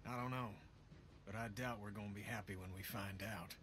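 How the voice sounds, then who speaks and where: An actor playing a weary, blunt middle-aged survivor in a video game, grim and swearing. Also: male voice, fairly low pitch, fairly even intonation, brisk, background noise, lightly acted.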